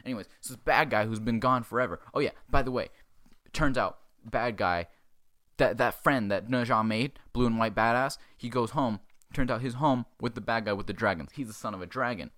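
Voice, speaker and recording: Fast-talking profane man recapping a movie. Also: mid-range voice, fairly bright tone, no echo, studio quality. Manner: rambling, profane, jokey, acts out quoted characters. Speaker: podcast host.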